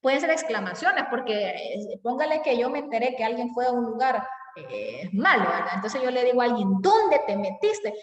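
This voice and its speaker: A woman with a Salvadoran accent teaching a grammar lesson alone in a classroom, chatty and expressive, using everyday examples. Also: fairly high pitch, a little fast, dull audio. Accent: Salvadoran Spanish. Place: empty classroom. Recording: echoey classroom from a distance.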